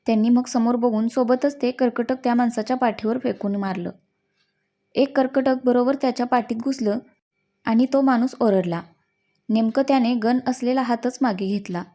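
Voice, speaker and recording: A woman's voice: a little high, fairly even intonation, normal speed, dark tone. A woman reading a story aloud as scripted narration, voicing the characters' lines in her own voice.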